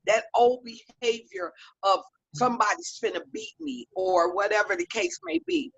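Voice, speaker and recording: An earnest woman shares her own story slowly and reflectively, pausing as she thinks. Her voice comes through a dull, lo-fi video call with a dry, close sound. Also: a little high, big pitch swings, gravelly, a bit bright, husky, no echo. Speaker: guest. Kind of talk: personal testimony in an online talk show.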